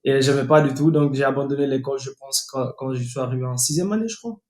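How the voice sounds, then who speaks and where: A young man from Guinea, guesting on a podcast from his home in Atlanta, tells his life story casually, with lots of fillers and restarts. His mid-range voice is quick and darkish, coming through a remote call from an echoey room.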